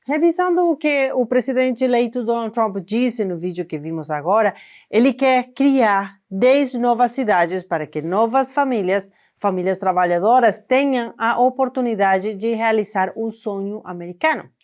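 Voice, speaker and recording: Female news host, conversational, slightly high voice. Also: expressive, moderate pace, a little mellow. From northern Argentina. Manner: explanatory, conversational. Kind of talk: news presenting. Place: studio.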